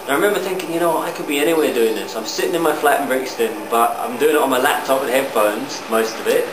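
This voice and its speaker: A man from New Zealand, a music producer, answering interview questions in a relaxed, rambling way with many fillers. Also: medium pitch, quick pace, background noise. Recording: roomy, distant mic with loud music.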